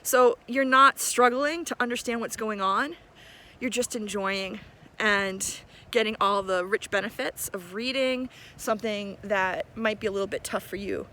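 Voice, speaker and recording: A middle-aged woman records a casual video message to her students from a park, sounding like an encouraging teacher. Her mid-range voice is bright and pushed, and she takes her time. Outdoor park ambience runs underneath.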